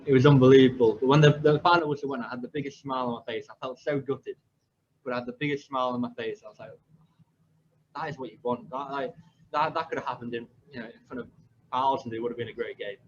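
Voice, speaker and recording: A man's voice: medium pitch, fairly even intonation, quick pace, slight background noise. Man in his 20s, coach hosting a chatty podcast; rambling storyteller, slightly muffled recording. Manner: rambling storyteller with many fillers and restarts. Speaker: football coach and podcast host. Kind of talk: casual podcast chat.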